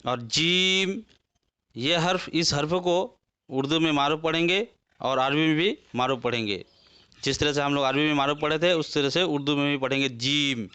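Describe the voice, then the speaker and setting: A man's voice: on the high side, fairly bright tone, clean tone. A man teaching a lesson, reciting letters one by one and explaining them patiently. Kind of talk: slow alphabet lesson.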